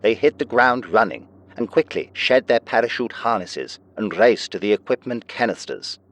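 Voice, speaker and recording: A man's voice: fairly low pitch, expressive, normal speed, a bit bright, a little hiss or hum. A man reading scripted wartime newsreel narration in a dramatic, declarative way. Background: music under the narration.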